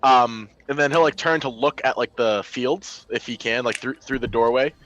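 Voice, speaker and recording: A man playing a tabletop game, casually describing his character's actions in an informal, halting way. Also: mid-range voice, fairly even intonation, a bit bright, dull audio.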